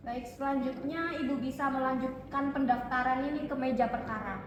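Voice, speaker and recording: A woman's voice: high voice, steady tone, a little fast, lightly acted. A woman playing a polite court information officer, asking procedural questions in an acted demonstration. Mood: polite, businesslike. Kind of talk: acted demonstration role-play. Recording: echoey hall, distant, noisy.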